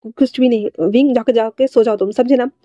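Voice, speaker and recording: A woman's voice: fairly high pitch, steady tone, brisk, warm tone, no room sound, natural voice. A woman voicing a stern, awkward young man who speaks curtly and stammers. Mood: flustered. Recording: dull lo-fi dry recording.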